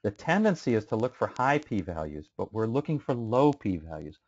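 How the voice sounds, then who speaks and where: Man, instructor, low voice, conversational lecture, muffled recording. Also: very animated, normal speed, darkish tone, husky. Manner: conversational, questioning students, frequent fillers. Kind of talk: classroom statistics lecture.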